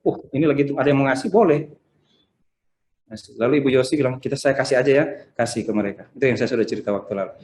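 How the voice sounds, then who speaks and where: A man preaching a Sunday sermon in a conversational, animated way, acting out the people he quotes. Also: mid-range voice, fast, echoey room, a little hiss or hum. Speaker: pastor. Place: church service streamed over video call.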